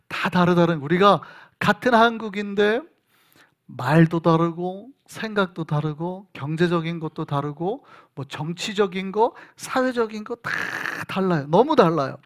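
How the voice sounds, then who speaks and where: Lively high-voiced male pastor preaching. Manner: storytelling, animated, acts out dialogue. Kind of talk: sermon. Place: church sanctuary.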